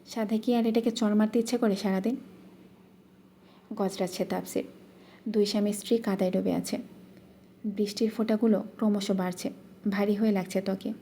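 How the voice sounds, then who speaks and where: A woman narrating a romantic story as an audiobook, in a soft, even storytelling delivery. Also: medium pitch, moderate pace, pauses often, slight background noise.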